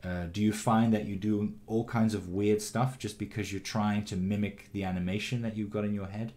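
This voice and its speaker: A man teaching animation, giving a calm, encouraging critique of a student's shot with frequent ums and restarts. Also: lowish voice, normal speed. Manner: calm, encouraging, many fillers. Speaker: animation instructor. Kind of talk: recorded critique of student work.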